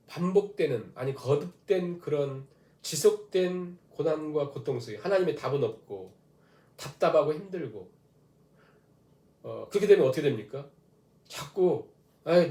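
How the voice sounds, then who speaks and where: Echoey, mellow-voiced male pastor preaching. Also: a little high. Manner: preaches with rhetorical questions, leads congregation in reading. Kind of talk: dawn prayer sermon. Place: church sanctuary.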